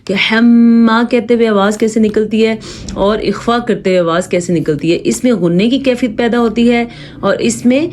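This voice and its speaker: A woman with a Pakistani Urdu accent teaches Quran recitation patiently and step by step, explaining plainly and slowing down to draw out the recited verses as examples. Her fairly high voice has a darkish tone, with a little hiss or hum in the recording.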